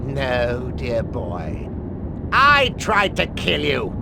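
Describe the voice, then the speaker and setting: Quirrell, theatrical, sneering villain professor. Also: male voice, mid-range voice, wildly swooping pitch, drawn-out words, gravelly, noisy background, heavily acted. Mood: mocking, gloating. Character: treacherous, mocking wizard professor, servile to his master. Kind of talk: video game villain voice acting. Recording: loud music under the voice.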